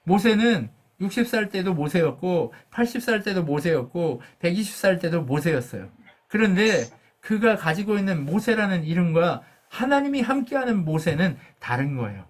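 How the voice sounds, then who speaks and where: A man's voice: sits high, sing-song, normal speed. A man preaching a sermon as a pastor. He asks the congregation questions, answers them himself, and acts out God's words with rising force.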